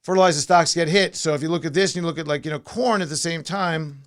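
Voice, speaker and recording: A man's voice: fairly high pitch, fast. A man hosting a pre-market stock show, casually talking through charts and thinking aloud with fillers and restarts.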